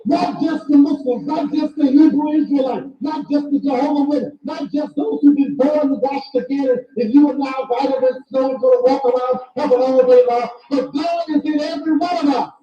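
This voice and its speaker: A man's voice: very high-pitched, moderate pace, hardly any pauses. A man lecturing an audience as an author, speaking emphatically and repeating phrases in a preaching cadence. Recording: echoey, distant, dull lo-fi recording.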